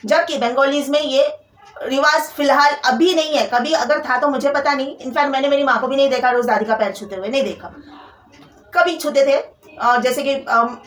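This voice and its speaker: A woman's voice: high-pitched, normal speed, a bit bright. A young woman from Kolkata venting about her in-laws in a personal storytelling vlog, with an indignant manner. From Kolkata, India. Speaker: vlogger. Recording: roomy echo, from a distance.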